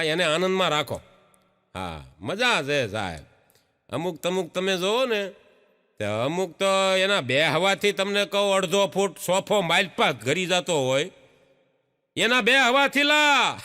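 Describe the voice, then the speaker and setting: A man's voice: high voice, expressive, measured pace, sharp tone. A man telling jokes on stage, acting out the people in his stories and often laughing. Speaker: stand-up comedian. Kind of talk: Gujarati folk stand-up joke telling.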